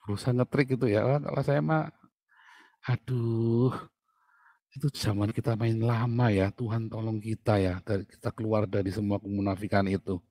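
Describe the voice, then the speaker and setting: A man's voice: fairly low pitch, fairly even intonation, moderate pace, mellow, no room sound. A man preaching in a casual, joking way, reading scripture and then chatting and laughing as he comments. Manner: mimics other people's speech. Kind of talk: informal sermon with scripture reading.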